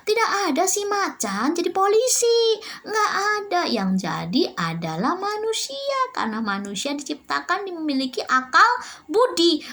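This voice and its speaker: Lady teacher from indonesia, high voice, swoops up and down a lot as she quizzes little kids. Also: bright, forceful tone. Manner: sing-song, asks questions and answers them herself. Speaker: primary school religion teacher. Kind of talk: home-learning lesson for young children.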